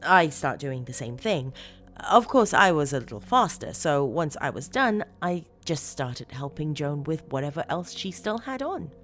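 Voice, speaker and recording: A woman narrating a first-person horror story as a disturbed, obsessive woman who confides with eager, unsettling fondness, dramatically and with deliberate pauses. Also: deep voice, exaggerated voice. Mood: obsessive, rapt.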